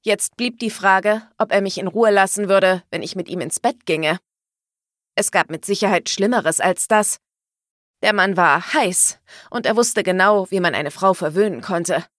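A woman's voice: mid-range voice, unhurried, a bit bright, no echo, studio quality. A woman narrating a first-person audiobook expressively, giving her own lines a feisty edge.

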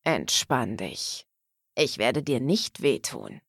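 A controlling, commanding man speaks in a low, unhurried murmur that drops well below the surrounding narration, put on by a woman reading the audiobook. His lines are soft but insistent. The recording is dry and close, with no room sound. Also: no room sound. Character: domineering, commanding adult man, low and intimate. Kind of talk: audiobook character voice.

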